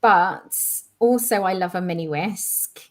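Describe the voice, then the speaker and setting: A woman's voice: lowish voice, unhurried. A woman co-hosting a live online quiz as education manager, explaining answers enthusiastically and at length. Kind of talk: casual live-stream chat.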